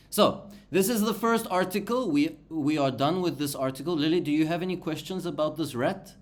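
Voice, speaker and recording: A tutor with a medium-pitched voice, a native Bulgarian speaker, teaches English one-on-one online through a video call. She's patient and encouraging, talking slowly and repeating and spelling out words.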